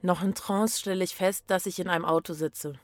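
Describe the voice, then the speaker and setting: A woman's voice: lowish voice, fairly even intonation, a little fast. A woman reading a first-person story aloud in a reflective, brooding way.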